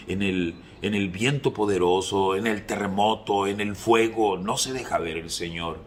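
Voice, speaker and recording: A man preaching a sermon, fervent, moving between hushed passages and emphatic peaks. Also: low-pitched, slight background noise.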